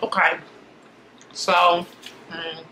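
A young woman chatting casually in a taste-test vlog while her mouth is partly full, pausing between bites. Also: fairly low pitch, a little hiss or hum. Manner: relaxed, chatty, pauses to taste. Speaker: vlogger. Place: home, indoors. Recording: echoey room.

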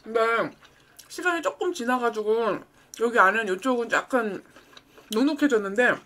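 A woman's voice: a little high, expressive, moderate pace, fairly bright tone. A young woman chatting casually with viewers as a streamer, talking between bites of food. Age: young adult. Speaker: mukbang streamer and host. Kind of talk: casual chat with viewers while eating. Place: small furnished room at home, indoors. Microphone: studio microphone on a boom arm.

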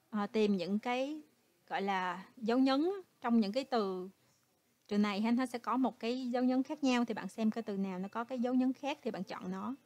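A woman's voice: fairly high pitch, a little mellow. Patient Vietnamese woman teaching English. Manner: patient, explains step by step, ends phrases with "ha". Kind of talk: exam walkthrough lesson.

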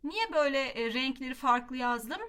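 A woman teaching a classroom lesson, explaining patiently and slowing down to model example phrases, often asking rhetorical questions. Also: high voice, a bit bright, clean tone. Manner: slow emphatic modeling of English example phrases. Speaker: English teacher.

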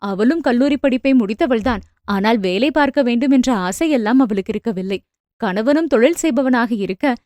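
A woman narrating a family novel as an audio book, telling the story in a steady, even way. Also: high-pitched, no room sound, studio quality.

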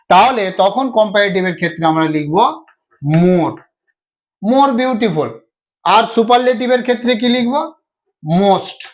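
A man teaching a grammar video lesson, patiently repeating each step and asking himself questions as he explains. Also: extremely high pitch. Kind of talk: classroom-style video lesson.

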